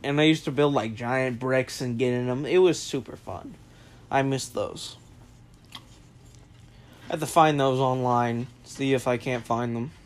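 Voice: mid-range voice, steady tone, unhurried, pauses often. A host commenting casually over a film in a chatty, rambling way, often stumbling and restarting. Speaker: reaction video host.

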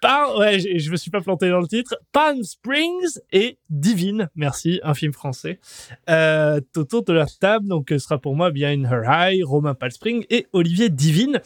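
A man's voice: on the high side, animated, moderate pace, no room sound, clean studio sound. A man hosting a casual podcast chat, joking and announcing the topics. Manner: jokey, leads the show, announces topics. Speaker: podcast host.

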